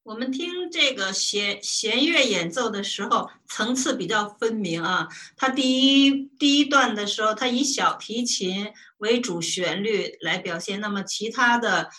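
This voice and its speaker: A woman's voice: medium pitch, animated, unhurried, hardly any pauses, bright, forceful tone. A woman giving a casual spoken music lesson. She hesitates with many fillers and restarts, and hums short bits of melody. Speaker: music appreciation presenter.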